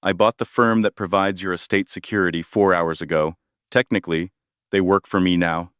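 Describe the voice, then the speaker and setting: A man voicing a cold, commanding woman executive taking her revenge, speaking in a calm, measured way. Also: deep voice, clean tone, no room sound, clean studio sound. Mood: cold authority.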